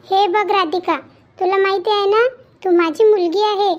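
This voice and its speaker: A woman voicing an aging widowed mother in a cartoon, gentle and comforting. She talks in a soothing, motherly way. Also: very high-pitched, fairly even intonation, moderate pace. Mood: coaxing. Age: older. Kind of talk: Marathi cartoon voice acting. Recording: dull lo-fi with faint background music.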